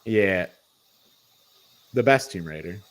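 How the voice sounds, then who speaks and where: A movie-reviewing podcast co-host speaks slowly in a low, expressive voice during a casual panel chat. He hedges informally while working through his thoughts aloud.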